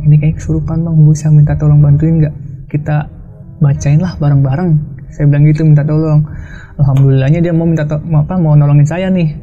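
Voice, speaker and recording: A man telling a story of his own in a casual, hushed, halting way, often quoting himself and others. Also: on the high side, level tone. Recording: dull lo-fi sound with faint music.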